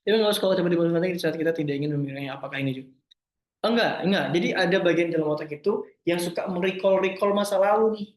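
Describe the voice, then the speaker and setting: A young man answering listener questions in a casual talk, gentle and reassuring, often forgetting terms and restarting. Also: sits high, rapid-fire, roomy sound.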